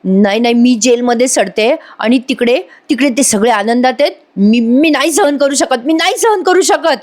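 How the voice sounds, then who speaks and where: A woman voicing a furious scheming young woman in jail, shouting and repeating herself in a high voice. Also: moderate pace, close to an everyday voice. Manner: shouting, frantic, repeating denials.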